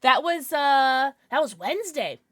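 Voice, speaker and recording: Woman streamer, higher-pitched and very lively, giggly, playful, excitable casual chat with viewers. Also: measured pace, no echo, clean studio sound. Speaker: live streamer, host.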